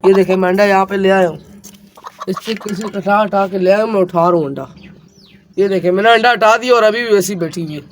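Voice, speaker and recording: A man's voice: high-pitched, fairly quick, a little hiss or hum. A man vlogging about his pet hens outdoors on a phone camera, talking casually and chattily to his viewers. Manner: chatty, keeps addressing friends, excitable around the hen. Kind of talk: casual vlog commentary. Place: outdoors with chickens.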